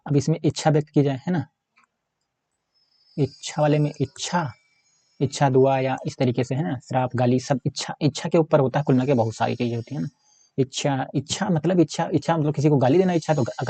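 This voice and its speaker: A man's voice: medium pitch, dark tone, husky, dry recording. A man teaching a casual exam-prep grammar lesson, talking while he writes on a board and often asking "है ना?". He speaks Hindi with an Uttar Pradesh accent. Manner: repetitive, keeps asking 'है ना'; talks while writing on a board.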